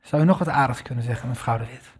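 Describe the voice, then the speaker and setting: A man voicing a gentle male nurse, speaking softly, slowly and tenderly in a sermon story. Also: mid-range voice, husky. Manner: soft, slow and tender.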